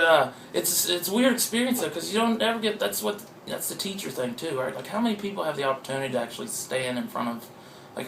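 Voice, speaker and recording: A man's voice: medium pitch, creaky, fairly bright tone, a little hiss or hum. A man, an author being interviewed, talking in a meandering, profane and self-mocking way. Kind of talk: casual rambling interview talk. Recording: roomy echoey room.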